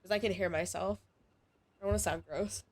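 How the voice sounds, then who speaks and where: A woman's voice: mid-range voice, steady tone, fairly quick, darkish tone, slight background noise. A woman streaming a game, chatting in a rambling way with lots of "like"s and sounding congested from a cold. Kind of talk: casual live-stream chat while gaming.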